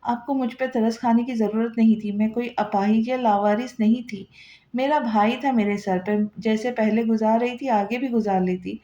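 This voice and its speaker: A woman's voice: fairly high pitch, fairly even intonation, normal speed, mellow, close to an everyday voice. A woman voicing a hurt, bitter young wife in a romance audiobook, speaking sharply and bitterly. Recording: roomy, dull lo-fi recording.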